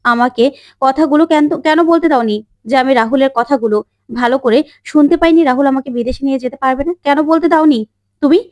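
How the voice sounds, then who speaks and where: A woman's voice: high-pitched, brisk, no echo, close to an everyday voice. Woman reading as a bitter, wronged young daughter. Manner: accusing, pleading.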